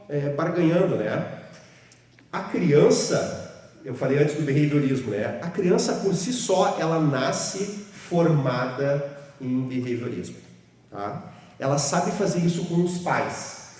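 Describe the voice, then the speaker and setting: A man's voice: on the high side, mellow, distant mic. A man with a southern Brazilian accent giving a training talk to teachers. He explains step by step, keeps adding tag questions, and acts out little scenes. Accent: southern Brazilian (Rio Grande do Sul). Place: large hall with a group of teachers. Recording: echoey hall, voice from afar.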